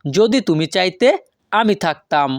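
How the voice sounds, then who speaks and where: Slow, careful woman teaching a language. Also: fairly low pitch, animated, no echo, clean studio sound. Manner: slow, careful, spells out words one by one. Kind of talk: scripted language lesson.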